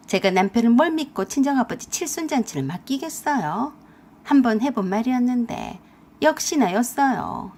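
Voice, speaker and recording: Lively indignant woman storyteller. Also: on the high side. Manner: indignant, sarcastic. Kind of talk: dramatic story narration.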